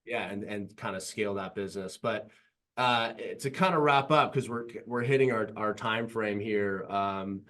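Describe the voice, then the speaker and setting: A man with a fairly low voice and a SoCal-style Californian accent talks as a podcast host. His delivery is casual and enthusiastic, wandering through his thoughts as he interviews. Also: moderate pace, a bit bright.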